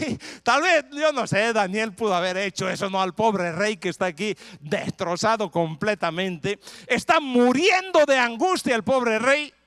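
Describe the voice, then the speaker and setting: A man preaching a sermon as pastor, retelling a scripture story in a lively way with frequent rhetorical questions. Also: high-pitched, measured pace, dry recording. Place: church in Texas.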